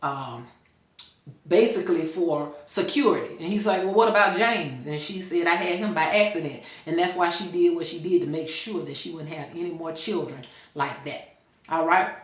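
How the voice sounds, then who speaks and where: A woman's voice: lowish voice, normal speed, reverberant, rough recording. Woman casually recapping a TV episode. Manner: retells scenes with quoted dialogue, checks in with "okay?". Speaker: show host reviewing a TV episode.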